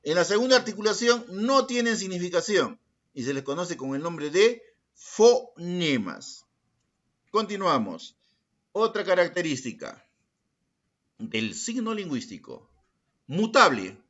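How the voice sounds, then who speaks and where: A middle-aged man teaches a secondary school class in a lively, up-and-down voice that sits a little high for a man. He speaks slowly and deliberately, calls on students by name, and answers his own rhetorical questions.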